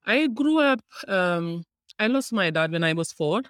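A woman's voice: mid-range voice, lively intonation, a little slow, a bit bright, clean tone, no echo, studio quality. Middle-aged woman with a Senegalese accent. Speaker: podcast guest, philanthropist. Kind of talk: conversational personal storytelling.

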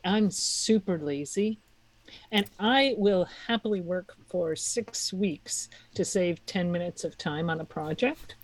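A woman from the chats as a podcast guest. Her voice sits a little low, and she talks in a self-mocking way with frequent laughs. The sound is dry, with no room echo. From Czech Republic. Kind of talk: casual interview talk.

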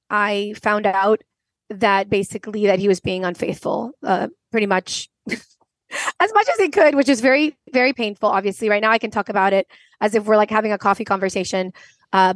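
A woman's voice: medium pitch, no room sound. A woman in her forties from Venezuela, a podcast guest telling a personal story earnestly, with frequent restarts. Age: 40s.

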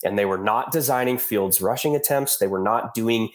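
Stuffed up guy with a cold, lowish voice, casual dude-style sports talk. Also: moderate pace. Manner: informal, says dude and man. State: congested from a cold. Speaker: podcast co-host.

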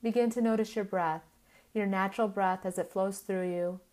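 A woman guiding a yoga nidra relaxation in the soothing manner of a sleep story narrator, in measured short phrases with long pauses. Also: mid-range voice, fairly even intonation, a little mellow.

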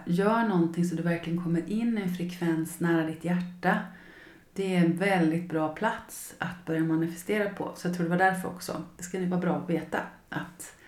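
Expressive woman talking in a roomy space. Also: on the low side. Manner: emotional and expressive, acts out her own past feelings. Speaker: podcast host and coach. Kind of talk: personal podcast monologue.

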